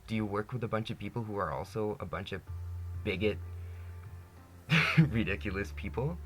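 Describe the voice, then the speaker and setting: A man's voice: lowish voice, animated, moderate pace, a bit bright, faint music behind. A young man in his twenties from Canada, speaking candidly to camera in a personal monologue, earnest and peppered with "you know". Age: 20s. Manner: earnest, candid, says "you know" constantly, laughs often. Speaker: vlogger.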